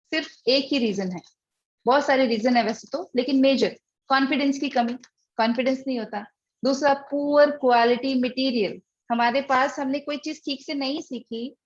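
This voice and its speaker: A woman's voice: high voice, dull audio. A woman teaching a spoken English class, explaining step by step, asking rhetorical questions and checking in with her students as she goes. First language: Hindi. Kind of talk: online spoken English lesson in Hindi.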